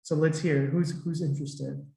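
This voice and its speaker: A man's voice: a little high, steady tone, normal speed, vocal fry, warm tone, echoey room, poor audio. A man as topic master of a speaking club meeting, upbeat and welcoming, inviting guests to answer questions. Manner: upbeat, welcoming, formal phrasing. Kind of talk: meeting facilitation on a video call.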